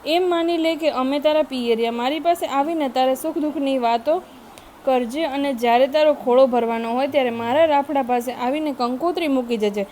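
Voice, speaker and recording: Woman narrator giving voice to a gentle mother snake spirit, soft comforting folktale voice, high-pitched. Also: a little fast, a little hiss or hum, close to an everyday voice. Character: kindly motherly female cobra spirit.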